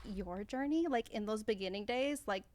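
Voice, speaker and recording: Enthusiastic female podcast host from the Midwest, chatty and warm-hearted interviewer, dry studio sound. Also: mid-range voice, normal speed, dry recording. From American Midwest. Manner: bubbly, enthusiastic, says "like" often.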